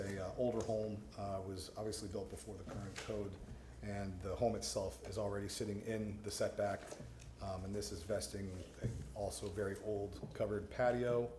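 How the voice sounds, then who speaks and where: A man's voice: on the low side, a little mellow. A man who is a board member, stating a formal motion at a public meeting. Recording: echoey room, faint noise.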